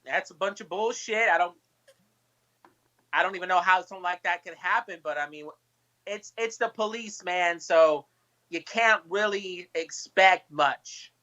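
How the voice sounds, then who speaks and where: A man's voice: sits high, measured pace, bright, forceful tone. A man co-hosting a casual livestream, blunt and ranting, swearing freely. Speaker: co-host. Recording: dull lo-fi audio.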